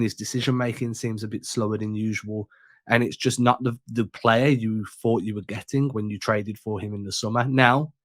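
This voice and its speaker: Congested, slangy podcast host. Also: male voice, medium pitch, no echo, clean studio sound. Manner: laid-back, slangy, chatty. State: sick and congested. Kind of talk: casual sports podcast chat.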